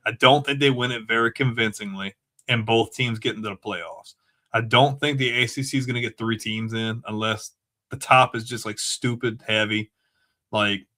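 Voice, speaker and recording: A man co-hosting a college football talk show. His voice sits at a middle pitch, and he talks loosely, with jokes and quick laughs. He trash-talks rival fans. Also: bright, forceful tone. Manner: joking, laughs often, teasing. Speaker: podcast co-host. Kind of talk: casual sports chat.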